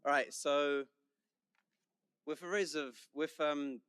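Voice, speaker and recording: A young man with a London English accent gives a senior commencement speech. He is chatty and joking, and his voice is smooth and resonant. The sound is dry, with little room echo. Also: on the high side, fairly even intonation, slow pace, fairly bright tone. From London, England. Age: young adult. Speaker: senior class speaker.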